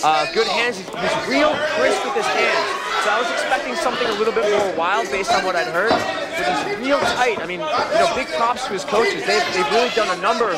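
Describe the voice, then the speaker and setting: A man's voice: high voice, big pitch swings, moderate pace. A man giving informal, emphatic live color commentary at a cage fight, often repeating himself for stress. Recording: loud crowd and music behind. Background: loud crowd and music.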